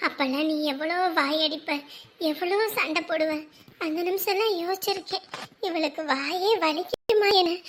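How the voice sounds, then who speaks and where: A woman plays a widowed mother in a family drama, speaking mournfully and reminiscing with her daughter. Her voice is very high and thin. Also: fairly bright tone, slight background noise. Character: grieving widowed mother, sorrowful, reflective. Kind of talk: Tamil family drama acting.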